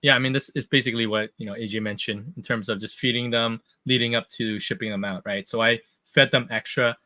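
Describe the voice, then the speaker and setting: A man hosting a live podcast hangout who chats loosely and laughs often. His voice is bright and forward, recorded close and dry with no room sound. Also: mid-range voice, a little fast, dry recording. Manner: laughs often, relaxed chatty. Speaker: podcast host. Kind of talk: casual live chat.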